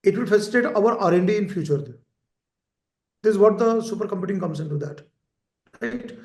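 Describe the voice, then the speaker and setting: A man's voice: high voice, fairly quick, a little mellow. A man, teaching a lecture class and often repeating key terms and checking in with "right?". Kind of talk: lecture for exam preparation. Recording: echoey room.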